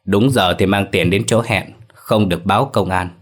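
A man's voice: low voice, moderate pace. Man doing a cold sneering kidnapper. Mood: menacing.

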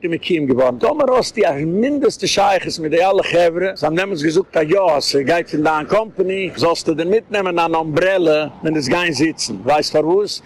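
Man, gravelly, slightly high voice, meandering lecture, faint background noise. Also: low-quality recording. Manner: meandering, mixes English and Yiddish words. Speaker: rabbi, activist speaker. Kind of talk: rambling spoken lecture.

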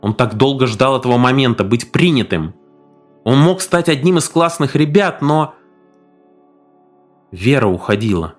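A male storyteller reading with expressive, lively intonation that rises and falls freely. His delivery is dramatic and scripted, with faint music playing underneath. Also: medium pitch, moderate pace, long pauses. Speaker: audiobook narrator.

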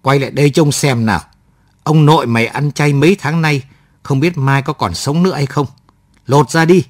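A man voicing a gruff young soldier who talks in a harsh, coarse, scolding way in a read-aloud war story. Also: medium pitch, very animated, moderate pace, no room sound, studio quality. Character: gruff young male soldier, rough and blunt.

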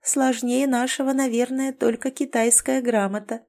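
A woman reading the lines of a feisty, sarcastic young woman in an audiobook, a touch higher than her own voice. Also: fairly even intonation, darkish tone, natural voice. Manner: quick-tempered, mocking.

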